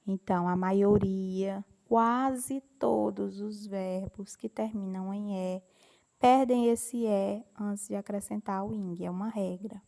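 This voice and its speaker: Slow, patient woman with a gravelly edge. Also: mid-range voice, steady tone, mellow. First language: Portuguese. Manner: slow, patient explaining with repeated examples. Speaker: English teacher. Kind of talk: classroom grammar lesson.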